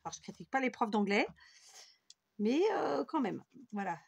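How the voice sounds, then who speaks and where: A woman's voice: mid-range voice, big pitch swings, moderate pace, creaky, slightly rough, no room sound, muffled recording. A woman from France hosting a scrapbooking tutorial, rambling and self-mocking as she works at her craft table. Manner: rambling and self-mocking, talks while working. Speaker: scrapbooking video host.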